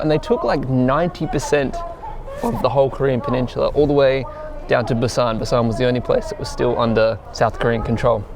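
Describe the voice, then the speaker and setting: A man's voice: medium pitch, noisy background. A young man chatting casually in a travel vlog, explaining as he goes and filling with "like", recorded outdoors on a tour. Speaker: travel vlogger.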